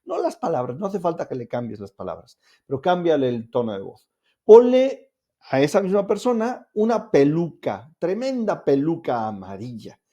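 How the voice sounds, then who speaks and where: A man's voice: fairly high pitch, sing-song, normal speed, mellow, dull audio. A man giving a self-help lesson to camera, explaining steps directly to the viewer in an upbeat, coaxing way. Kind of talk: instructional talk to camera.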